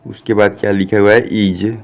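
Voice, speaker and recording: A man's voice: lowish voice, little pitch movement, moderate pace, vocal fry. A man, teaching a classroom English lesson, who spells out words and keeps checking with "ठीक?". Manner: repeats "ठीक?" often, asks and answers his own questions.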